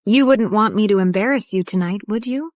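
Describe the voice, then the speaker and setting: A woman's voice: mid-range voice, brisk, dry recording, close to an everyday voice. A woman dubbing a defiant young heroine who answers her family with cutting remarks, recorded dry in a studio. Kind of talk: English drama dub.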